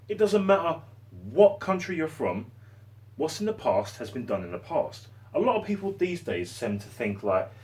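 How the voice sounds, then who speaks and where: Low-voiced man, lively swooping pitch, passionate ranting, mic a bit far off. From London. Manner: passionate, rambling, sarcastic. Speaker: vlogger. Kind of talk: opinion rant to camera. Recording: voice set back from the mic.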